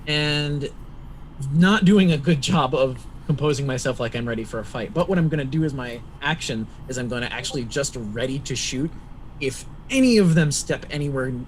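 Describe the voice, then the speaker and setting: Halting male tabletop player, faint noise behind. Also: medium pitch, lively intonation, low-quality recording. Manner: halting, thinking aloud. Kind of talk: casual tabletop game chat.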